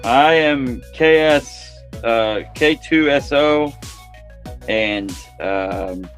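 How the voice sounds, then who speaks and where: A man putting on a cranky male droid voice, slow and deliberate, grumbling through each line. The sound is an everyday voice with faint music behind it. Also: mid-range voice.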